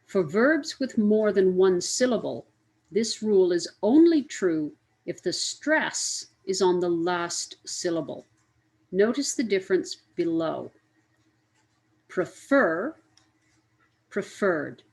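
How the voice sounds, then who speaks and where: A woman with a fairly low voice explains grammar rules in a slow, deliberate way. She spells out letters one by one and repeats each example word so learners can follow. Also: lively intonation, a little mellow, rough recording. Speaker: English teacher. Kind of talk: grammar lesson.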